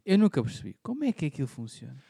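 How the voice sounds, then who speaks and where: A young man with a European Portuguese accent banters on a podcast, cutting in with quick jokes and questions. His voice is a bit high and recorded dry and close. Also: big pitch swings, gravelly, dark tone, breathy edge, no room sound. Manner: jokey, quick interjections and questions. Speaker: podcast co-host. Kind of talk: casual chat.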